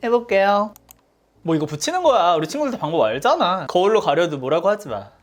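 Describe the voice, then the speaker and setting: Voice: mid-range voice, big pitch swings, fast. A beauty vlogger chatting casually through a makeup tutorial, talking to themself and often breaking into surprised exclamations. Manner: chatty, talks to self, frequent surprised exclamations.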